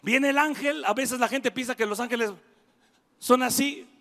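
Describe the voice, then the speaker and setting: A man preaches to a youth congregation, his voice pitched very high and edged with gravel. He talks in an animated way, with jokes, asides and bursts of shouting. The sound rings with a long hall reverb. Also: moderate pace. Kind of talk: lively sermon to a youth congregation. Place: church hall.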